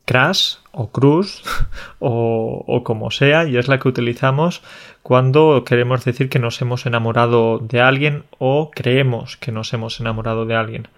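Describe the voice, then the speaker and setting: A man's voice: medium pitch, fairly even intonation, normal speed. Playful man co-hosting a podcast. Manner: friendly teasing, playful. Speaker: podcast co-host. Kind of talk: casual chat about Spanish loanwords.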